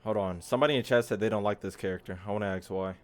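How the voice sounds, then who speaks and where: A game streamer with an American accent and a fairly low voice rattles off rapid-fire commentary over very noisy audio. His talk is casual, slangy, profane and teasing as he plays.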